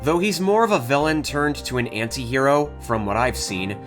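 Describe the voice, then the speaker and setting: A man's voice: medium pitch, moderate pace. A man reading scripted narration as the host of a video. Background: guitar music.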